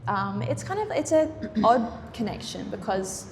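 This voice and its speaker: A woman's voice: medium pitch, lively intonation, unhurried, a little mellow. An Australian woman, a guest artist on a gallery panel, speaking hesitantly and casually with many fillers. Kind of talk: public panel conversation. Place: gallery event space. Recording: roomy hall reverb, faint noise.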